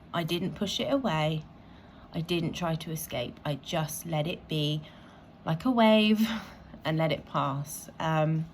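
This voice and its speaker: A woman talking openly in a reflective personal vlog, soft-spoken and pausing often, sometimes dropping to a whisper. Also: lowish voice, a little hiss or hum. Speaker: vlogger.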